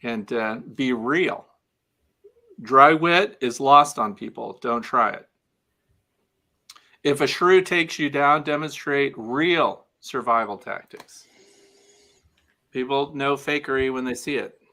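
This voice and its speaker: A man chatting as a guest on a livestream video call, giving advice with deadpan dry humor. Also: mid-range voice, slow, long pauses. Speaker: guest beekeeping video maker. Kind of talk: casual livestream chat.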